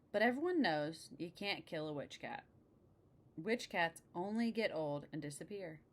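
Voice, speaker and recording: Woman reading a children's book aloud, unhurried, lowish voice, expressive, chatty asides. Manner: expressive, adds casual asides about the pictures. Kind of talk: picture-book read-aloud.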